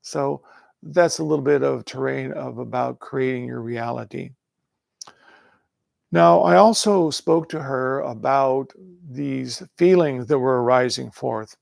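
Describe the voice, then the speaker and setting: Gravelly-voiced man teaching meditation. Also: medium pitch, dry recording, clean studio sound. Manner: calm, repetitive affirming phrasing. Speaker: spiritual teacher. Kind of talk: livestream meditation talk.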